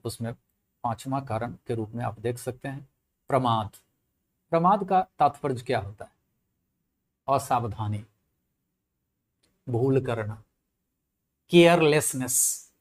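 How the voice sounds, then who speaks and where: A middle-aged man giving a classroom lecture on Sanskrit linguistics. He explains in a step-by-step way, repeats key words, asks rhetorical questions and stresses each example word loudly before dropping his voice. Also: medium pitch. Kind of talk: classroom lecture in Hindi with English terms.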